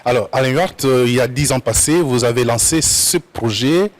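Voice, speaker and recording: A male television host leads a studio interview in a friendly, conversational manner. He often restarts and repeats words as he searches for phrasing. His voice sits at an ordinary middle pitch. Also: normal speed.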